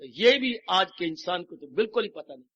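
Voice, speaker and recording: Man, swami, devotional sermon, very high voice, emphatic, rhetorical questions, muffled lo-fi old tape. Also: animated, moderate pace, a bit bright, breathy edge. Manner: emphatic, rhetorical questions, mixes in English phrases. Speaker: swami preacher. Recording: dull lo-fi 1990s tape recording.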